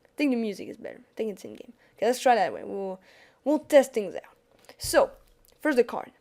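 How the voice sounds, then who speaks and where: This gaming YouTuber is a young woman with a French accent, chatting through a card game on screen in casual commentary. Her voice is a little high and a little mellow, brisk, with huge pitch swings and some vocal fry, and her sentences often start over.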